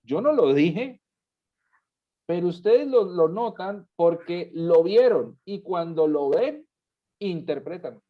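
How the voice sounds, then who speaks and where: A man giving a classroom lecture to students, animated, repeating words and asking rhetorical questions, in a dull lo-fi recording. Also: high voice, slow pace. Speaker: Bible teacher.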